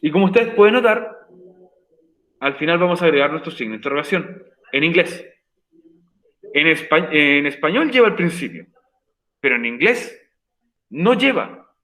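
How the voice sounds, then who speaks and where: Emphatic male English teacher, higher voice. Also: big pitch swings, moderate pace, long pauses, pushed and bright, low-quality recording. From Chile. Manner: patient, repeats points for emphasis. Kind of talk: recorded online class explanation.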